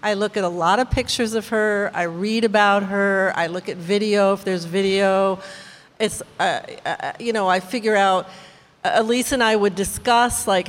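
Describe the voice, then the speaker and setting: A woman artist speaking on a live panel, rambling with frequent fillers and restarts. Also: mid-range voice. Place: art gallery. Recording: long gallery reverb.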